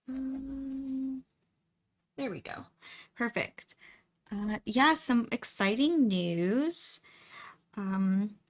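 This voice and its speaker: A woman hosts a casual art livestream in a mid-range voice. She speaks at a slow pace and keeps an informal, conversational style, as if chatting with her viewers while she works. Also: medium pitch, fairly bright tone. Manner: greets viewers by name, informal. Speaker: live stream host, painter.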